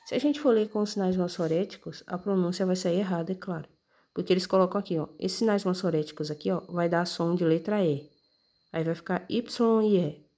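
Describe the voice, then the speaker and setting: A woman's voice: fairly low pitch, fairly quick, warm tone. A woman explaining scripture in a casual, conversational way, often checking in with her listener and pointing at the text as she reads. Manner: points at text while reading. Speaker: religious teacher explaining scripture.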